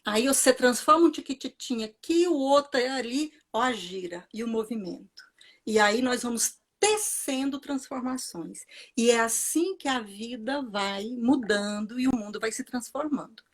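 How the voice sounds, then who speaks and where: A woman's voice: a little high, lively intonation, normal speed. A woman with a Brazilian Portuguese accent giving an earnest, reflective spoken talk at a commemoration, repeating phrases for emphasis. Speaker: speaker at a commemoration.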